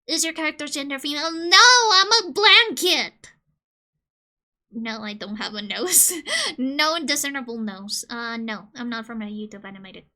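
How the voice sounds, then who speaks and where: Streaming in a relaxed way, a woman from Colombia cracks jokes and reads out game questions in a high-pitched voice at normal speed, now and then letting out sudden loud squeals.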